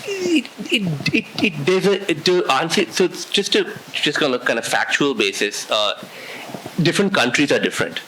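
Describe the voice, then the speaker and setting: A man's voice: on the high side, very animated, normal speed, a bit bright, a little hiss or hum, rough recording. A man, a novelist speaking on a festival panel. He answers thoughtfully and at length, and often restarts his sentences. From India. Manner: thoughtful, discursive, with frequent restarts.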